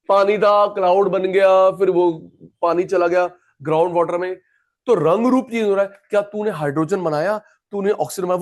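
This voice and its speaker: A man teaching an economics class, chatty and repetitive, calling students by name. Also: high voice. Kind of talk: classroom lecture.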